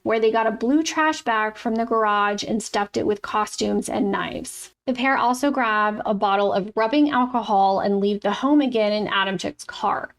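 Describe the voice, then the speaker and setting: A woman's voice: medium pitch, moderate pace, few pauses. A woman co-hosting a true crime podcast, telling the case in a blunt, casual way and swearing freely. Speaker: podcast co-host.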